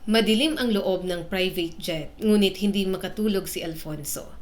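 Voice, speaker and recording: A woman telling a romance drama story in scripted, steady narration. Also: medium pitch, moderate pace.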